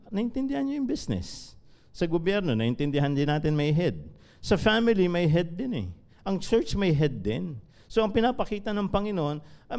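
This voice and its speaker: A man's voice: fairly high pitch, darkish tone. A male pastor with a Filipino accent preaching a conversational sermon during a live church service, often asking the congregation rhetorical questions. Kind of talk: sermon mixing Tagalog and English.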